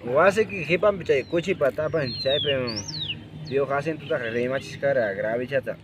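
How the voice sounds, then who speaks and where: A man's voice: mid-range voice, moderate pace, close to an everyday voice. An actor playing a rural man bantering loosely with his friends. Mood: joking. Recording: noisy outdoor recording.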